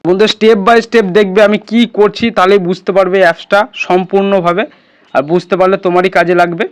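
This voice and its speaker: Hosting a casual step-by-step tutorial, this man speaks briskly in a high, smooth voice with little pitch movement. He guides the audience through each stage and keeps asking whether they follow.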